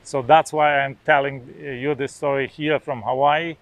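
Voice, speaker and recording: A man's voice: medium pitch, fairly even intonation, normal speed, no room sound. A man in his forties from Poland, a native Polish speaker, talking casually to the camera outdoors on a beach lawn, hesitant with many filler sounds and restarts. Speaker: vlogger.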